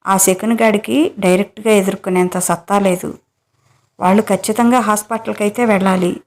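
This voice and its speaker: A woman's voice: mid-range voice, steady tone, moderate pace, darkish tone, natural voice. A woman voicing a cocky, teasing young man in a romance audio story, with a breezy, dismissive manner.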